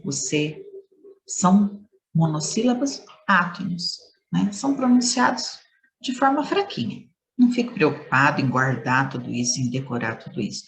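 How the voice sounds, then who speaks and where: Woman teacher, low voice, unhurried, playful, stresses syllables for kids. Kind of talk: scripted lesson to schoolchildren.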